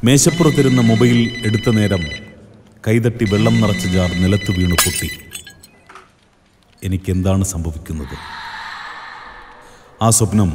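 Deep-voiced man narrating horror dramatically. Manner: intense, theatrical, rising to shouts. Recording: reverberant with music behind.

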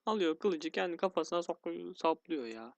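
A man's voice: a little high, lively intonation, normal speed, creaky, dull audio. A man commentating his own gameplay, grumbling and getting easily frustrated, with sighs and yelps. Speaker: gaming YouTuber. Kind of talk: let's play commentary.

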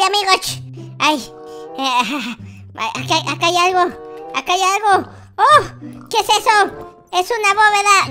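Bright squeaky baby boy noob, lisping baby talk, timid yet boastful, game video with faint music. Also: exaggerated voice. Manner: childish lisp, baby talk. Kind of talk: Minecraft gameplay voice acting. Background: faint background music.

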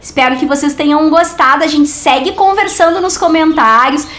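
Brazilian woman host, high and sweet, fond casual review, recorded in a room with an echo. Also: normal speed, a bit bright, slight background noise. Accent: Brazilian Portuguese. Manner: gushing and affectionate, coos over each picture. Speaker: book reviewer and channel host. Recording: roomy echo.

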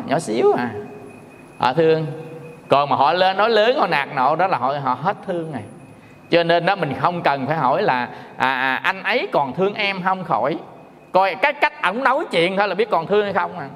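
With a long hall reverb around him, the middle-aged monk from Vietnam delivers a humorous, down-to-earth dharma talk, playing out quarrels for his listeners. His voice is high and a bit bright.

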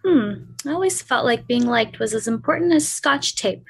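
A woman's voice: fairly high pitch, expressive, normal speed, vocal fry, slightly rough, soft background music, full character voice. Woman reading a quirky, blunt teenage girl sidekick with a dry delivery. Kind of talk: author reading dialogue aloud.

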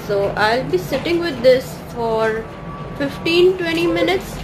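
A woman, talking while wearing a sheet mask and calmly explaining a beauty product in a casual review. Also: high-pitched, over music, rough recording. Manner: plain, unhurried explaining. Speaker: beauty vlogger. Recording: background hum and traffic noise.

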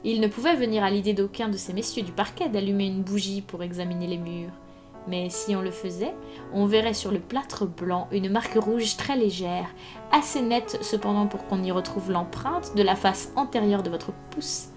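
A cold male ex-inspector who speaks dryly and hard, with menacing precision and a low, level delivery, voiced by a woman reading a novel aloud. Faint music plays under the reading. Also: normal speed, close to an everyday voice. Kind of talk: live audiobook reading.

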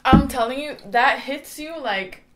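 A woman's voice: sits high, a little slow, very noisy. A woman in her twenties chatting casually and giggling as she eats gross jelly beans in a taste challenge, recorded at home. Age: 20s. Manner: giggly, animated. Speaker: vlog challenge participant. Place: bright indoor room at home.

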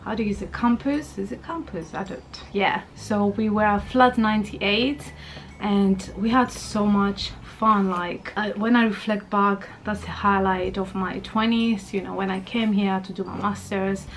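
A woman of about thirty chats to her camera from her bedroom, rambling and filling her talk with fillers. Her mid-range voice stays steady at a measured pace. The camera sits at arm's length, and a little hiss or hum runs underneath.

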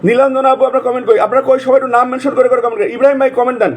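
A man's voice: very high-pitched, steady tone, rapid-fire, slightly rough. A man with a sore throat, hosting a live stream, calling out viewers' names over and over and urging them to join and comment. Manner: repetitive, urgent calling out of names. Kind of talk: live stream shout-outs.

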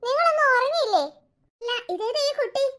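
A middle-aged cartoon mother coos and fusses over a little one in a high, bright voice, voiced by a woman. She is doting and a little drowsy. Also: animated, a little fast, exaggerated voice. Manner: drowsy then cooing and doting. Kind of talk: cartoon voice acting.

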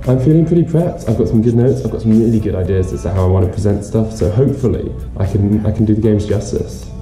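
A man's voice: fairly low pitch, fast, mellow, roomy sound, faint music behind. A man in his twenties chatting casually to camera as a vlogger, recorded on a cheap built-in action-camera microphone in a small room. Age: 20s. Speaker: vlogger and esports caster. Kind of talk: casual vlog chat to camera. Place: small hotel room, indoors. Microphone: action camera built-in mic at arm's length.

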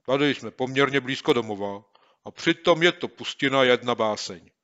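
A man's voice: medium pitch, expressive, a bit bright, lo-fi sound, voice pushed up, lightly acted. A man voicing a bold, scheming schoolboy sleuth who speaks with raised, emphatic delivery in an audiobook. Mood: keen. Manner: emphatic, declaiming threats. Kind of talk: audiobook character voice.

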